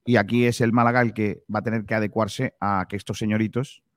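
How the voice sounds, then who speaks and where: A man presents sports radio in a fairly low voice. He talks casually and colloquially, pausing and repeating words, and the sound is dry and close. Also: level tone, no room sound. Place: stadium press room.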